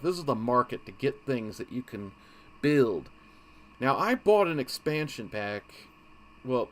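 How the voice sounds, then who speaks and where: A man's voice: mid-range voice, fairly bright tone, slight background noise. A man hosting a casual game walkthrough, rambling and easily sidetracked, often breaking off mid-thought. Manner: rambling, easily distracted, self-interrupting. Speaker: gaming channel host.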